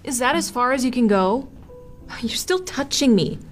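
A woman's voice: a little high, expressive, normal speed, faint music behind, natural voice. An actress playing a rude, greedy woman who snaps and complains at everyone around her. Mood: scornful. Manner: snappy, scornful complaining. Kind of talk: scripted skit acting.

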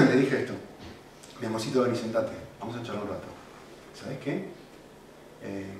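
A man preaching a sermon as pastor, swinging from loud emphasis to quiet storytelling. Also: mid-range voice. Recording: echoey room from far off, faint noise.

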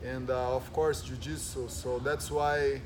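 A man's voice: mid-range voice, level tone, unhurried, noisy background. A man from Brazil with a Brazilian Portuguese accent, hosting a casual podcast as a jiu-jitsu gym owner, earnest and full of "and, uh" fillers.

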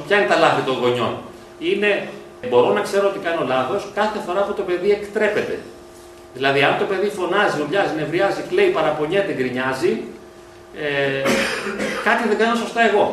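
A man with a slightly high voice gives a reflective lecture to parents and often asks them rhetorical questions. He is recorded from a distance in a school hall with heavy echo. Faint noise sits under his voice. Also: fairly bright tone. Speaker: psychologist. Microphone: distant from the mic. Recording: echoey hall from far off.

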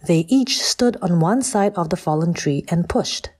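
A woman reading a children's story aloud at an unhurried pace, her voice low, warm and a little husky. The delivery is calm and gentle.

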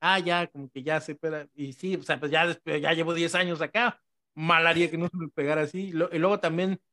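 A middle-aged man speaks with a Mexico City accent in a relaxed conversation. His voice sits fairly high, and he acts out snippets of dialogue with lively energy. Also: fast talker. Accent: Mexico City Spanish. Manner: animated, acts out quoted dialogue. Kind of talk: casual conversation.

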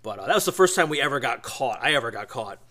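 A man in his forties spins a long, rambling story for his podcast. He talks in a relaxed, chatty way, often breaking off for asides. His voice sits at an ordinary middle pitch. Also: fast talker. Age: 40s. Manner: rambling, chatty, lots of asides and tags like "right?". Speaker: podcast host. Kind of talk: casual storytelling.

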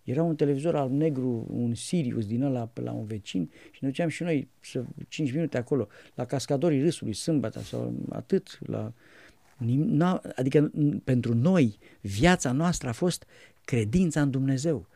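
A man's voice: mid-range voice, vocal fry, warm tone, dry recording. A man, an Orthodox priest, earnestly telling his life story with rambling restarts.

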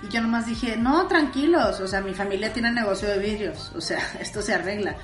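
A woman's voice: medium pitch, lively intonation, fairly quick, roomy sound, faint music behind. A young Mexican woman co-hosting a podcast, telling school stories in a slangy, candid, laughing way. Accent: Mexican Spanish. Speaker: podcast co-host. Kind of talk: casual storytelling chat.

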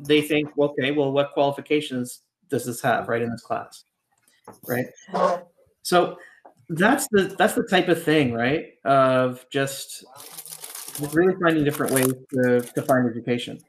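There's a faint hiss or hum as a ghostwriter raised in Canada, a podcast guest, speaks a little slowly at a typical middle pitch. Conversational and reflective, he wanders, restarts his thoughts, and keeps ending them with "right?"

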